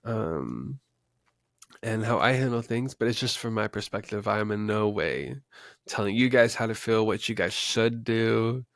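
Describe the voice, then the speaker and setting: A young man in his twenties, originally from West Texas, hosts his own podcast with loose, unscripted chatter. His voice carries a gravelly, fry-tinged edge, and he rambles freely with plenty of ums and little laughs. The sound is dry and close, with no room echo. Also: on the low side, animated, a little slow, fairly bright tone. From West Texas, USA. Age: 20s. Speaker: podcast host. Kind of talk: casual unscripted podcast talk.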